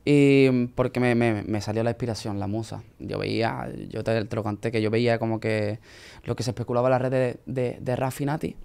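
He is a young man with a Spanish accent from Spain, telling his story at an easy pace. His voice is smooth and resonant, and he sits at a middle pitch. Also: a little fast. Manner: storytelling, relaxed, uses Spanish slang. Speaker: singer guest. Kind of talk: casual interview.

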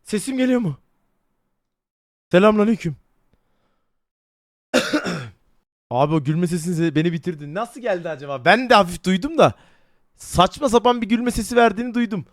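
A man's voice: expressive, moderate pace, pauses often, no echo, studio quality. Man chatting through a shifting voice changer. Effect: voice-changer filter with shifting pitch. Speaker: streamer testing a voice changer. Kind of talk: casual chat.

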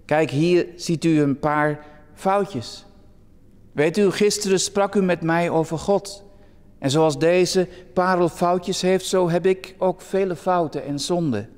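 A man gives voice to an old pearl diver from a story read aloud in church. He sounds humble and earnest and a touch high-pitched, speaking slowly. A long reverb trails after every phrase. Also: darkish tone, smooth.

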